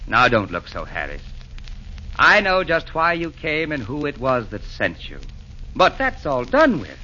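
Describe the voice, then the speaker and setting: A jolly, fussing old Santa Claus in a 1940s radio play. The voice is bright and forceful, swinging widely through hearty, theatrical rhymes. The old broadcast recording is dull and limited. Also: male voice, mid-range voice, wildly swooping pitch, a little slow, slight background noise, heavily acted. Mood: gently reassuring. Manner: hearty, rhyming theatrical delivery.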